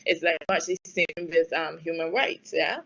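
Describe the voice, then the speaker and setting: In a muffled recording, a low-pitched, creaky, fairly bright-toned woman speaks with a flat delivery at normal speed. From Barbados, she answers webinar audience questions on trade and health policy in a spontaneous expert Q&A, thinking aloud with many fillers and restarts and firm emphasis in places.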